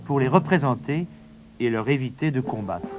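A man's voice: medium pitch, expressive, normal speed. Man narrating a storybook over faint music.

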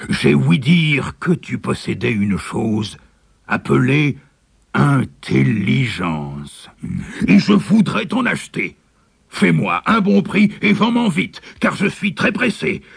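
A man's voice: mid-range voice, very animated, slow, vocal fry, husky, no room sound, studio quality, heavily acted. A man voicing a sly, greedy tiger in a storybook, purring and scheming as he talks. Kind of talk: storybook character voice.

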